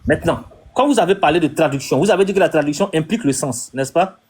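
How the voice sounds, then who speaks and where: A man's voice: on the high side, fast talker, darkish tone, breathy edge. A man hosting a debate, insistently questioning his guest and repeating his points. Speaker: debate host. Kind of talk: live debate conversation.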